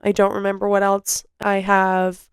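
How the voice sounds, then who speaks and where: Slow, emotional woman podcaster. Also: mid-range voice, completely flat delivery, clear, resonant tone, no echo. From Canada. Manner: emotional, halting, with restarts. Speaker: podcast host. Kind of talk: personal storytelling monologue.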